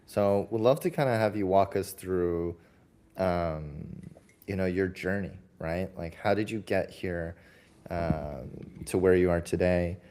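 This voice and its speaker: A man's voice: low-pitched, measured pace, a little mellow. A man hosting a livestream podcast interview, upbeat and loose, with plenty of fillers. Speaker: podcast host.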